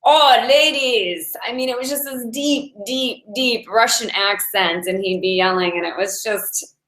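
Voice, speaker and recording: A woman's voice: medium pitch, flat delivery, normal speed, a bit bright. A woman in her forties giving a chatty, earnest inspirational talk as a meditation teacher, laughing now and then between thoughts. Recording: echoey room.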